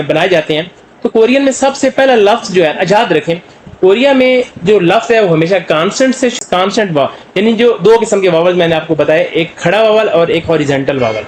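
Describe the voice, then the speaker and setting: Middle-aged male language teacher, Pakistani Urdu accent, high voice, patient filler-heavy lecturing, faint hiss behind. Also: low-quality recording. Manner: explains slowly, with many fillers and repeated questions to students; draws out demonstration sounds.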